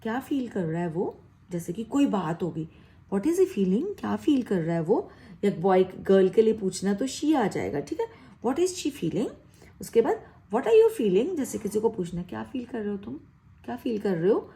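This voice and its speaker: A woman teaches spoken English, encouraging her learners and repeating example sentences with a questioning tone. Her voice is mid-range and mellow, unhurried, with big swings in pitch.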